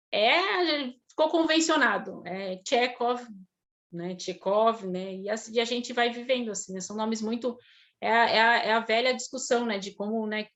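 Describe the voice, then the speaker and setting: Brazilian woman speaking haltingly on a video call. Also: on the high side, fairly bright tone. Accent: Brazilian Portuguese. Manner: thoughtful, halting, many restarts and tag questions. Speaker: guest speaker on Russian literature. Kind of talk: online talk answering audience questions.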